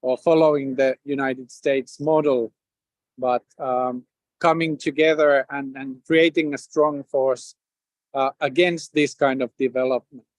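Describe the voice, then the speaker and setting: Host, male, from Finland, halting delivery with restarts, dry close sound. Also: medium pitch, steady tone, no room sound, low-quality recording. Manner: halting, many repeated words and fillers. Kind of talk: hosting a community video event.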